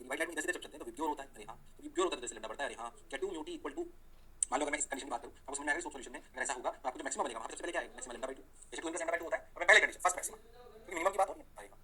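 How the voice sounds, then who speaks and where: A man's voice: on the high side, slight background noise. A man teaching physics, firing questions and answering them himself. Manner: energetic, asks questions and answers them himself, voices the students' replies. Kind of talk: lively classroom lecture.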